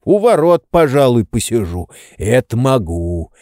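A man voicing a lazy old manservant who grumbles and makes excuses in a low, indifferent tone. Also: big pitch swings, measured pace, a little mellow, no echo, studio quality.

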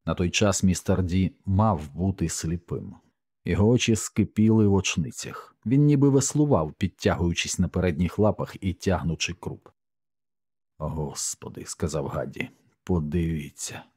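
A man narrating a horror audiobook in a measured, somber way. His voice sits very low with a dark, mellow tone. The recording is close and completely dry. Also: lively intonation, breathy edge, dry recording.

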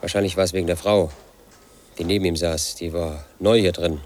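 The voice sits low and darkish, steady in tone and moderately paced, with light acting. A man in his late thirties performs a radio-drama role as a lonely, suspicious house painter, brooding bitterly as he narrates his own life from within.

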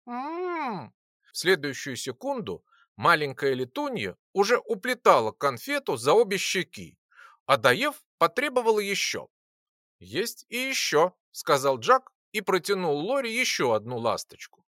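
An audiobook narrator reading a fantasy story in an expressive, animated way. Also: mid-range voice, moderate pace, no room sound, clean studio sound.

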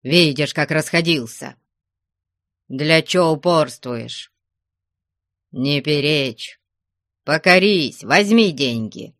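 An older villager lectures and coaxes with steady insistence, as a male narrator puts him on. The pace is slow and the sound dry and close. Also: a little high, no echo, full character voice. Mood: persuading. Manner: urging, admonishing.

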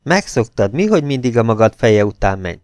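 A man's voice: medium pitch, sing-song, a little mellow, no room sound, studio quality, natural voice. A man voicing a bitter, angry man who speaks curtly and harshly. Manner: curt, harsh delivery. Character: bitter, angry middle-aged man, curt and cold.

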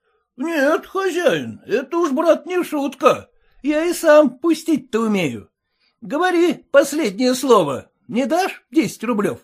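A man's voice: very high-pitched, wildly swooping pitch, takes it slowly, voice pushed up, full character voice. A man voicing a brash young farmhand who teases and bargains cheekily. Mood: defiant. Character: cocky young male farmhand, brash and mocking.

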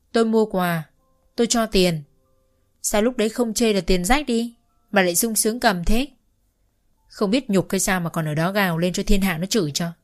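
A woman's voice: mid-range voice, close to an everyday voice. A cold, defiant young wife who has the money and knows it, voiced by a woman narrator. Her retorts are cutting and contemptuous. The character comes from an audio storybook.

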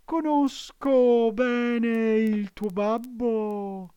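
A man's voice: very high voice, fairly even intonation, very slow, mellow, clear, resonant tone, no echo, muffled recording, voice pushed up, exaggerated voice. A man voicing a sly, scheming fox in a storybook reading, wheedling and mocking.

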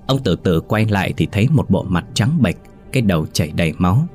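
A man narrating a horror story in a steady, even storytelling manner. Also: low-pitched.

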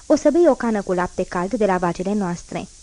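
A woman reading an audiobook, voicing a calm, kindly old male bishop who speaks gently and gravely. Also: medium pitch, close to an everyday voice.

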